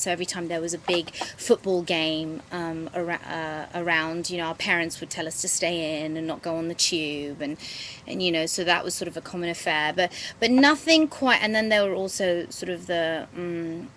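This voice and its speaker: A woman, talking to her webcam outdoors in a garden. She speaks reflectively, pausing often with ums and restarting her sentences. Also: lowish voice, fairly even intonation, fairly bright tone, slight background noise, low-quality recording. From England. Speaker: vlogger. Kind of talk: casual talk to camera. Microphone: webcam at close range.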